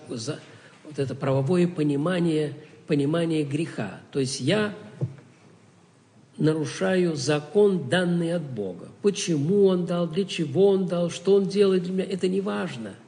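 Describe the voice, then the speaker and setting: A man's voice: on the high side, normal speed, warm tone, in a large hall. A man giving a spoken theology lecture, asking rhetorical questions and answering them himself, often stopping and restarting words.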